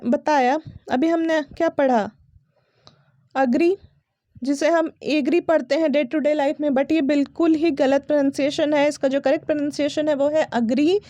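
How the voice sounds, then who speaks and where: A woman gives a casual pronunciation lesson, her voice high and mellow. She spells words out letter by letter, drawing them out slowly and often checking that her listeners are following. The sound is close and dry, with no room echo. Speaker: English pronunciation teacher.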